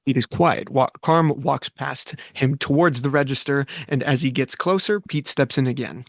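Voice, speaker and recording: At a script table read, a man reads the stage directions aloud, now and then stumbling, correcting himself and laughing. His voice is medium-pitched with vocal fry, his pace moderate, and there is no room sound.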